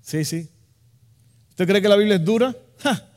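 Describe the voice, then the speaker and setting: A man preaching a lively sermon as pastor, acting out voices and joking with the congregation. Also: sits high, measured pace, big-room sound.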